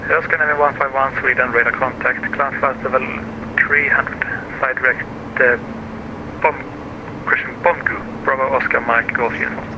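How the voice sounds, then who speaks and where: A man with a mid-pitched voice gives procedural air traffic control instructions over the radio. The audio is dull, with clear aircraft noise underneath. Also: flat delivery, moderate pace.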